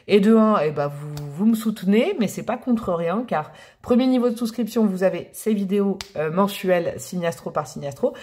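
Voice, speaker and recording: A woman talks her viewers through a casual tarot reading in a friendly, chatty way. She showers them with pet names and exclaims with delight over the cards. Her voice sits at an ordinary middle pitch. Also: animated, normal speed, darkish tone. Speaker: tarot reader.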